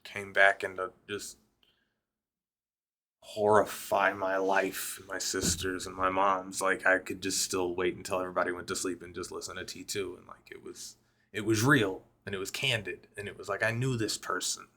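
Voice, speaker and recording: A man's voice: deep voice, level tone, moderate pace, bright, forceful tone. A young man, a rapper and vlogger, telling a personal story in a casual, profane, rambling way that keeps cutting itself off. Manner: profane, rambling, self-interrupting.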